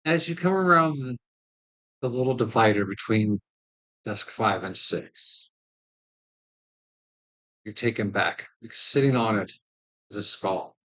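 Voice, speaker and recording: Game master, tabletop narration, medium pitch, descriptive live play. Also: measured pace, long pauses, fairly bright tone, rough recording. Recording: livestream group game session.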